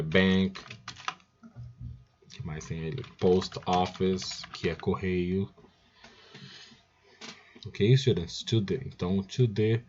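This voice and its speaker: A man's voice: low voice, a little mellow, highs cut off. A man with a Brazilian Portuguese accent teaching English, drilling each phrase by repeating it and often calling out to his students. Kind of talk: recorded language lesson.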